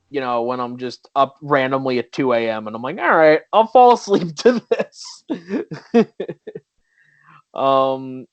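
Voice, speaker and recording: A man's voice: medium pitch, clean tone, no echo. A man hosting a podcast in casual chat, joking around and laughing often. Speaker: podcast host. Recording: dull lo-fi audio.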